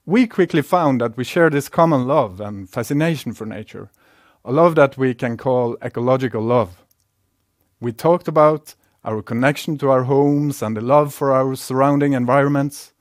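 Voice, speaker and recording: Calm Norwegian man, dry sound. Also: medium pitch, normal speed, dry recording. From Norway. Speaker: speaker giving a talk. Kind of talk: prepared talk.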